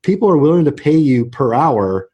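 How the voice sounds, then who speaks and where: Husky-voiced man telling his story. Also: on the high side, normal speed, highs cut off. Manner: animated storyteller, many restarts and "right?" tags. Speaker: real estate agent and team builder, guest. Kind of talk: casual interview talk.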